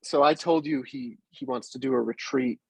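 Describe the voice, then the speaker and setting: A man's voice: medium pitch, moderate pace, vocal fry, breathy edge, no echo. A man being interviewed, animatedly retelling a training story and acting out what was said. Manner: animated retelling, acts out quotes. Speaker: guest. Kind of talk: casual storytelling.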